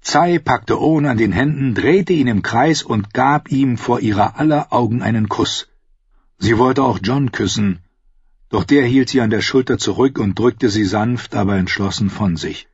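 A man reading a fantasy audiobook aloud, steady storytelling that bursts into loudly shouted battle commands. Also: medium pitch, moderate pace, slightly rough, no echo, muffled recording. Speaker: audiobook narrator.

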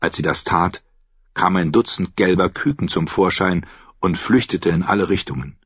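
A man reading a novel aloud as audiobook narrator, telling it with lively storytelling. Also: low voice, moderate pace, breathy edge, dry recording. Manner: lively storytelling, voices every character. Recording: dull, dry studio recording.

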